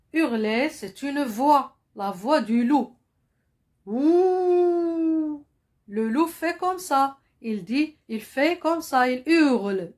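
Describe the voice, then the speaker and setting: A woman French teacher, drilling vocabulary slowly and asking pupils to repeat, sometimes explaining in Arabic. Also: on the high side. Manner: switches into Moroccan Arabic to explain. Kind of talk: slow classroom-style lesson.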